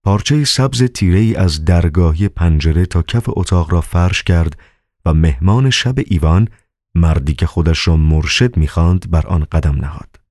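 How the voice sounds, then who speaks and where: Man, audiobook narrator, measured, calm, very low dark voice. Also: no room sound, clean studio sound.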